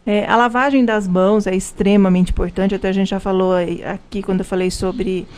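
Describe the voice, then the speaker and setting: Brisk and darkish in tone, her mid-range voice keeps a fairly even intonation. The Brazilian pharmacist, with a Brazilian Portuguese accent, is a guest explaining health topics on live radio and frequently starts over or uses fillers.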